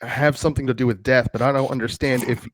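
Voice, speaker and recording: A man's voice: medium pitch, fairly even intonation, fast. A man playing a tabletop game, speaking casually in character with a polite, questioning way of talking. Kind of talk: casual in-character role-play.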